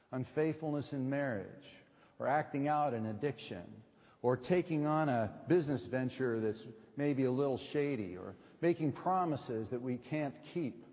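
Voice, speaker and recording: A man in his forties preaching an earnest, conversational sermon at a pulpit microphone in a church sanctuary. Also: on the high side. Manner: earnest, conversational, with frequent uh fillers. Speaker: pastor. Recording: long church reverb, slightly dull sound.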